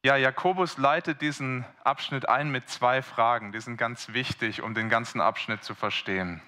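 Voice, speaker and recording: A man's voice: mid-range voice, moderate pace, sharp tone. A man preaching a sermon, explaining a Bible passage earnestly and asking the congregation rhetorical questions.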